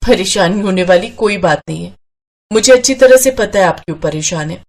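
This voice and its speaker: A woman voicing a kind young new bride in a cartoon who speaks calmly and gently. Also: mid-range voice, brisk, slight background noise, natural voice. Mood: soothing.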